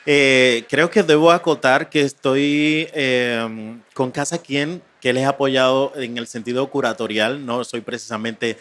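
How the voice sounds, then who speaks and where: A man speaks as a guest curator on a live panel at an art fair. His voice sits at a middle pitch for a man. He answers in a measured way and hesitates often. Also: steady tone, a bit bright.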